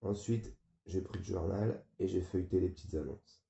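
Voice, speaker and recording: A man reading a novel aloud in a flat, weary first-person narration. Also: low voice, normal speed, gravelly. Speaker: audiobook reader. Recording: muffled, roomy.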